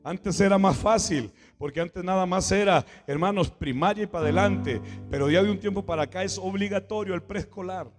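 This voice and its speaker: A Mexican man preaching a Pentecostal sermon as pastor. He rises to shouts, drops to a hush, and keeps calling out to his brothers and sisters. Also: high-pitched, brisk, few pauses. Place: church hall. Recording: echoey church with guitar playing behind.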